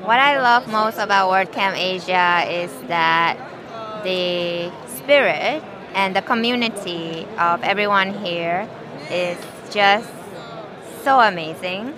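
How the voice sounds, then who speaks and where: Woman, very slow and careful, crowd noise behind. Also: mid-range voice. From Japan. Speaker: business consultant. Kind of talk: vox pop interview.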